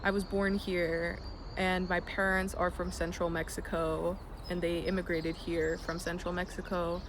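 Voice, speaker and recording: Birds and passing vehicles fill the noisy background as a young adult vlogger from the US shares earnest reflections in a personal vlog, with frequent ums and some casual cursing. The voice is medium-pitched, flatly delivered and measured in pace.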